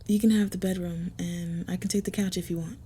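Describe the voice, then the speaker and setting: A woman voices a protective, smitten female vampire in an intimate roleplay audio, speaking softly, gently and a little hesitantly. Her lowish voice holds a steady tone with a breathy edge, moving a little fast. She sounds gentle and awkward.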